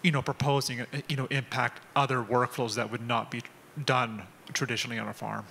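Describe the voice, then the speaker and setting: A man's voice: mid-range voice, level tone, brisk, creaky, pushed and bright, slight background noise. A man in the audience asking a question in a casual way, restarting his phrases. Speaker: audience member.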